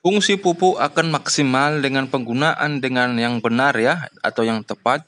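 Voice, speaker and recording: A man's voice: medium pitch, moderate pace, fairly bright tone. A man explaining a farming lesson to farmers, with frequent fillers and rhetorical questions. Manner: addresses farmers as "Bapak Ibu", frequent "ya" and "namanya" fillers. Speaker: farming channel host.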